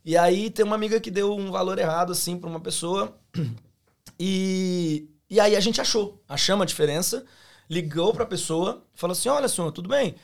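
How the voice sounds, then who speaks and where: A Brazilian man in his thirties, a podcast guest and former bank teller, telling animated stories in casual chat, slangy and often restarting his sentences. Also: high voice, moderate pace, creaky.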